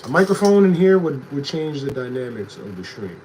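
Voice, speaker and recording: A young man streaming casually without a proper mic, animated one moment and low and reflective the next as he talks to his chat. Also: fairly quick. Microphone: no proper mic, built-in device mic. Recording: noisy stream audio.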